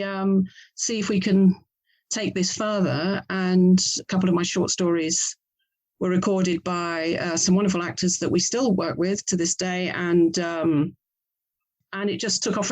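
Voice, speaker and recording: Being interviewed as an author and audio drama producer, a middle-aged woman from England speaks conversationally with an English accent, reflective and chatty, frequently breaking off her own sentences. She has a lowish, slightly mellow voice. The recording is low quality.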